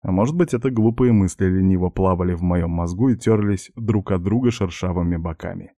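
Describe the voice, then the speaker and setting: Guy reading an audiobook, low and warm, dry close sound. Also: a little fast, no echo. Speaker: audiobook narrator. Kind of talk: scripted first-person narration.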